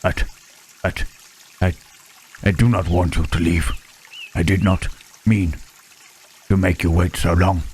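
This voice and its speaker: A man playing a gentle, lonely male monster in an ASMR roleplay, speaking haltingly and formally in a husky voice. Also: low-pitched, fairly even intonation, slight background noise. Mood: apologetic, earnest. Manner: halting, formal speech without contractions, trailing "huh?". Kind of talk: ASMR roleplay, intimate scripted monologue to listener.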